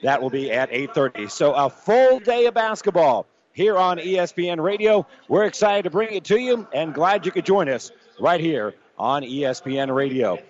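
Male pregame host, high-pitched, projecting like an upbeat morning show host, on a slightly muffled live radio feed. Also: lively intonation, normal speed, hardly any pauses. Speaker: sports radio host and play-by-play broadcaster. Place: basketball arena broadcast position. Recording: dull, band-limited live radio broadcast.

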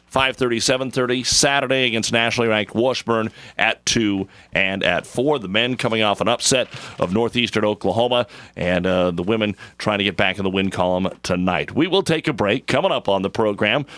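A man's voice: on the low side, fairly bright tone, dry recording. A man hosting a sports radio show, folksy and joking with his guest. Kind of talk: casual radio chat. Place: radio studio.

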